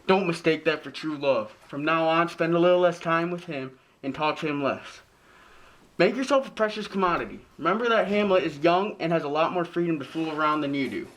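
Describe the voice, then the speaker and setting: Man as a pompous high-pitched lecturing father. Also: a bit bright, natural voice, rough recording. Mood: dismissive, stern. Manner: lecturing, scolding. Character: pompous, preachy, overbearing father of grown children. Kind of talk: parody drama acting, modern-English Shakespeare.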